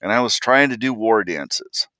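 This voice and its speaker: An older man from Ohio tells a family story in a blunt, folksy way and takes his time over it. His voice is bright and clear and swings widely in pitch, recorded close and dry. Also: lively intonation, moderate pace, no echo. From Columbus, Ohio, USA. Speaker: vlogger. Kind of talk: personal storytelling.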